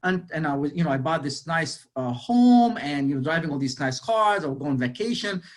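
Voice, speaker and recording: A man's voice: on the high side, animated, brisk. A man, giving an interactive motivational sales talk over a video call and quizzing his audience, with lots of "you know". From Lebanon. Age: 40s. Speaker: real estate sales speaker.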